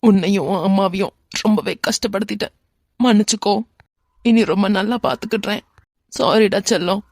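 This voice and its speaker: A woman's voice: mid-range voice, moderate pace, no echo, clean studio sound, voice pushed down, lightly acted. A woman voicing a remorseful young father who apologises tenderly to his family, with a Kanyakumari Tamil accent, in a cartoon love story. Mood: tearful remorse. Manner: apologetic, soft and pleading.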